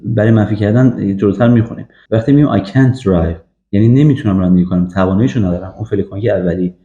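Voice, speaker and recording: A man giving an English grammar lesson, drilling example sentences slowly with frequent fillers. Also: fairly low pitch, mellow. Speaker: English teacher. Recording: echoey, dull lo-fi room recording.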